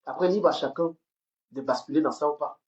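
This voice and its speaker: A Cameroonian woman hosting a livestream rants angrily, repeating herself and stammering over words in a heated delivery. Her voice is low-pitched, brisk and a little mellow. She's recorded on a phone camera, with the highs cut off.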